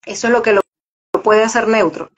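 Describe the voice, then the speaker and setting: A woman's voice: a little high, fairly even intonation, a little fast, breathy edge. A woman, a voice actress, talking casually in an interview, explaining at length and often repeating words as she searches for them. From Venezuela. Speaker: voice actress and journalist, guest. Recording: dull lo-fi audio.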